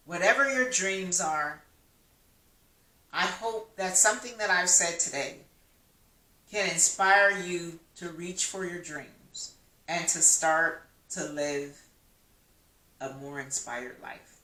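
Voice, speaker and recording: Encouraging woman doing a motivational vlog, bright sharp voice, roomy echo. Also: lowish voice, slow pace, long pauses. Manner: emphatic, rhetorical questions, encouraging. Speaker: vlogger. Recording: echoey room, mic at a distance.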